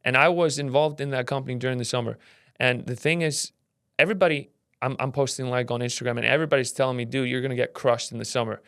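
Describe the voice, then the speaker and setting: A man's voice: medium pitch, steady tone, quick pace, hardly any pauses, a bit bright, no room sound, studio quality. Hesitant man from Iceland. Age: late 20s. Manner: hesitant, many restarts. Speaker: guest. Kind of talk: casual interview chat.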